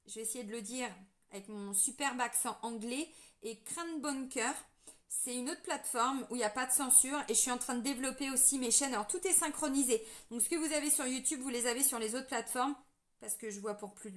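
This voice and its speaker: A high-pitched woman from France gives a spiritual reading in a loose, chatty way. She talks straight to her viewers and often restarts her sentences with fillers as she goes. Her tone stays conversational and personal throughout. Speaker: tarot reader giving a spiritual guidance. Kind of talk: casual spoken guidance to viewers.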